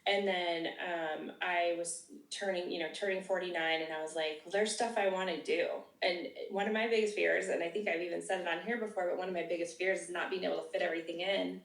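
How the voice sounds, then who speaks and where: A woman's voice: on the low side, fairly even intonation, fast, gravelly, few pauses, recorded from a distance. Woman around fifty, echoey and off-mic. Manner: chatty storyteller, laughs often. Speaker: podcast co-host. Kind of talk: casual chat.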